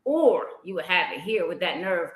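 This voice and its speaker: A woman hosting a podcast, telling personal stories in a lively, conversational way with frequent restarts. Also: fairly low pitch, normal speed, a crowd in the background. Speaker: podcast host. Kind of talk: casual conversational interview. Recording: roomy echo.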